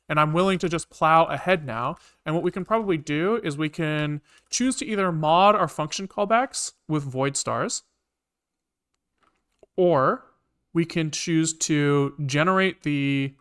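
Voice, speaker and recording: On a coding livestream, a man with a clean, fairly bright voice on the high side talks through his work out loud. His rambling is casual and offhandedly profane, and he keeps repeating words to himself.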